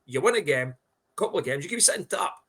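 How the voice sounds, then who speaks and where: A man's voice: a little high, very animated, fast talker, a bit bright. A middle-aged man with a broad Scottish accent, chatting casually about sport as a podcast co-host in a blunt, sweary, colloquial way.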